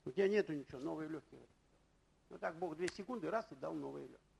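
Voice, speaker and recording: A middle-aged man, a pastor, preaching in a loose conversational way, telling personal stories and checking in with the congregation with quick questions. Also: fairly high pitch, gravelly, darkish tone, husky, low-quality recording. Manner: anecdotal, keeps asking the congregation "right?". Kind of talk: conversational sermon.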